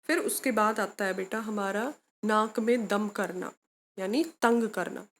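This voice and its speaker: A woman's voice: mid-range voice, a little slow, a bit bright, a little hiss or hum. A woman teaching a grammar lesson to students, explaining patiently, asking questions and answering them herself, and mixing in English words. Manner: calls students beta, mixes English words.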